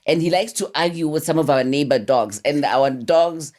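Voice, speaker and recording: A South African woman co-hosting a podcast in casual chat, expressive and playful, who slips local words into her talk. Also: deep voice, normal speed. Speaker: podcast co-host.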